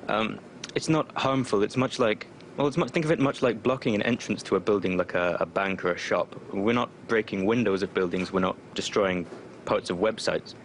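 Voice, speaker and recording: Over a remote call connection, the spokesperson of an online activist group fields interview questions in a defiant, loose manner full of fillers. His voice is disguised to sound lower, he speaks at a normal speed, and a little hiss or hum can be heard.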